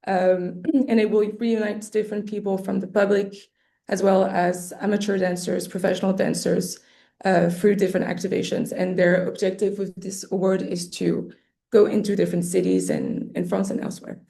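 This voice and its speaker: Through a computer mic on a video call, a hoarse woman explains the application process for an arts award in a webinar. She is losing her voice and keeps clearing her throat. Her medium-pitched, warm voice stays level at a moderate pace, though she hesitates with many fillers and restarts.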